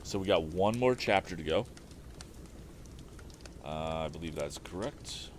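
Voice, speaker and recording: A deep-voiced man hosts a storytime livestream, chatting casually and thinking aloud between stretches of reading from a book. He speaks expressively and a little slowly, with background noise present.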